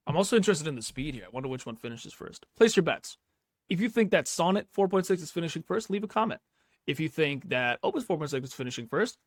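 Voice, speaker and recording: A tech YouTuber and host of Pakistani background talks casually over a screen recording, unscripted and slangy, reacting out loud as he goes. His voice sits on the high side with a fairly bright tone, recorded clean in a studio with no echo.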